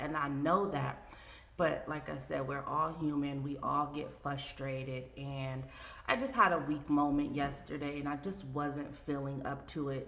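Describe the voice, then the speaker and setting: A woman's voice: low voice, gravelly, a bit bright. A woman talking casually and from the heart in a faith vlog, rambling with many fillers and restarts. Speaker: vlogger. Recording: echoey room with faint ambient noise.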